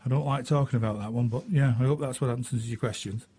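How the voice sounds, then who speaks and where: A man's voice: mid-range voice, quick pace, warm tone, slight background noise. A man with a Northern English accent hosting a radio show, chatting casually and answering listener questions with plenty of ums and uhs. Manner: chatty, self-mocking, frequent ums and uhs.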